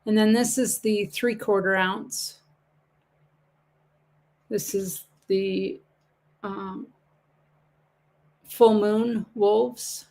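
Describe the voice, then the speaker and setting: Woman, livestream coin seller, gravelly voice, chatty and rambling. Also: medium pitch, steady tone, extremely slow, long pauses, darkish tone. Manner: chatty, laughs easily, rambling asides. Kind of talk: casual livestream chat.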